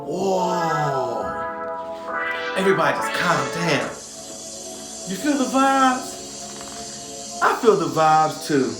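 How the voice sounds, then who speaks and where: Over a hip hop instrumental beat, a man reads a children's story to the rhythm, hyped and sing-song with call-and-response. His slightly high voice has lively intonation, drawn-out words and frequent pauses, heard in a roomy echo with the music.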